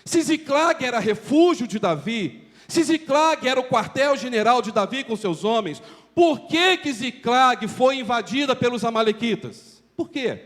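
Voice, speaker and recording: A man's voice: very high voice, lively intonation, a little slow, fairly bright tone. A man preaching a sermon in a church, pressing his point with rhetorical questions. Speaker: pastor. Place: church sanctuary. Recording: long church reverb.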